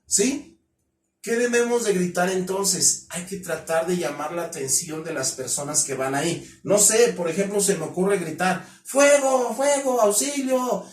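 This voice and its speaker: A man with a Mexican accent gives a classroom lecture on crime prevention, speaking emphatically and peppering the class with rhetorical questions. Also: sits high. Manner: acts out shouted cries for help. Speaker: criminology lecturer. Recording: roomy echo from a distant mic.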